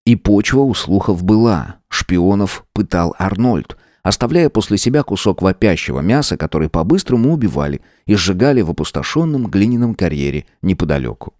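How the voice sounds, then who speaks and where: A man narrating an audiobook in a steady, measured reading manner. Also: sits low, no echo, studio quality. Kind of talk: scripted narration.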